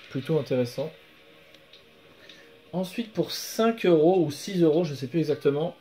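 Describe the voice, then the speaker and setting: A young man casually showing off his flea-market finds in a home vlog, relaxed and hesitant, full of fillers and self-corrections. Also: a little high. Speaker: video game collector vlogger. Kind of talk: casual show-and-tell vlog. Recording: faint background music.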